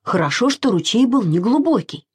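Expressive woman reading a children's story. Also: on the high side, moderate pace, husky. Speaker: narrator.

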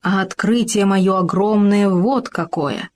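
A self-assured male hamster from a storybook who lectures his friend with patient insistence. A woman gives him voice while reading. He sounds steady and sure of himself. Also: medium pitch, a little slow, lightly acted. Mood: lecturing.

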